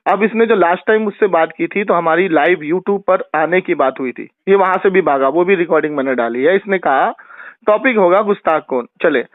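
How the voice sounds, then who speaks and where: A man with a high voice argues hard over a tinny phone line. He speaks as a religious debater, taunting and accusing his rival. The sound is dry and close, with no room around it. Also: no echo. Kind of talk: heated phone argument.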